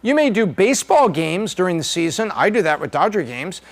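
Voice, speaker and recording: A man's voice: sits high, very animated, fairly quick. A middle-aged man hosting a podcast, walking through charts in a chatty, joking way. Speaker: podcast host.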